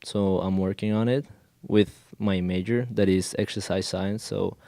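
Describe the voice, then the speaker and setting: A young man from Colombia talks slowly and hesitantly in English, his second language, stopping often to find his words. His voice sits fairly low and sounds smooth and clear, and the recording is dry and close. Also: fairly even intonation, warm tone, no echo. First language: Spanish. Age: 20s. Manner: hesitant, many fillers and restarts. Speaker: guest, college student. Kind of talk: casual interview.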